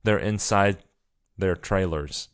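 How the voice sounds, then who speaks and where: Young man, low-pitched voice, dry sarcastic humor, casual podcast news chat. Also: slow, clean tone. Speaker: podcast co-host.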